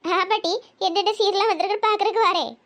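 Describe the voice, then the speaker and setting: A woman voicing a bossy, nosy old village grandmother in a Tirunelveli Tamil accent, scolding and calling out loudly. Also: extremely high pitch, fairly even intonation, rapid-fire. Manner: scolding, teasing, calls out loudly. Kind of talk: cartoon comedy voice acting.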